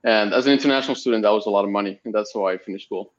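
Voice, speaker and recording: A man's voice: lowish voice, very fast. A man in his twenties from Spain, a podcast guest telling his story casually with many fillers. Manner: rambling storytelling with frequent fillers. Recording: slightly dull lo-fi audio.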